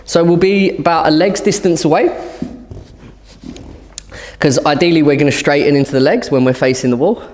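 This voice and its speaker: A man's voice: fairly high pitch, normal speed, long pauses, a little mellow, long reverb tail. A man guiding a fitness class through handstand conditioning, cueing moves while demonstrating and sometimes out of breath. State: out of breath at times. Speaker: fitness instructor.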